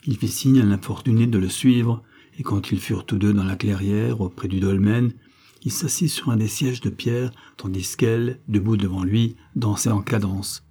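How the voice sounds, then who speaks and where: A man reading a literary audiobook in an even, measured narration. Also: lowish voice, breathy edge.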